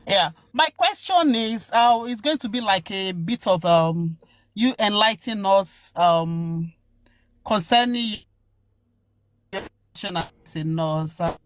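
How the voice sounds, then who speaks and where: A woman calls into a live stream, and her audio keeps cutting in and out. She speaks haltingly, filling the gaps with ums. Her voice is dry and mid-pitched. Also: dry recording. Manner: hesitant, halting with fillers. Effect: choppy call audio breaking up. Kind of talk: casual call-in question.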